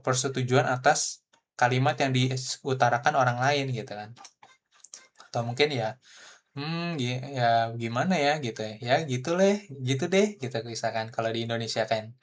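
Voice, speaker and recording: Relaxed male online language teacher. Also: mid-range voice. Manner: explains patiently, with frequent gitu ya fillers. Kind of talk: casual online lesson.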